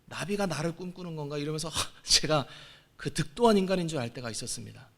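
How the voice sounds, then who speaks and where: A man in his forties preaching a sermon as pastor, moving between quiet asides and loud exclamations. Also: a little high, lively intonation, fast. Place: church sanctuary.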